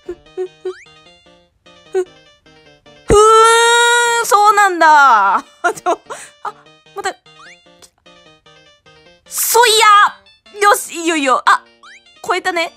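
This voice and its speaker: A young woman giving casual gameplay commentary as a streamer, excitable and quick to break into shouts and laughter. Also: very high-pitched, faint music behind. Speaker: game streamer.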